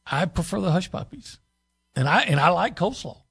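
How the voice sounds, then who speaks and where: A man's voice: high voice, sing-song, brisk, vocal fry, fairly bright tone, breathy edge, faint music behind. A man co-hosting a sports radio show from a studio, chatting in an enthusiastic, folksy way. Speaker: radio co-host. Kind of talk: casual sports radio chat. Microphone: studio mic.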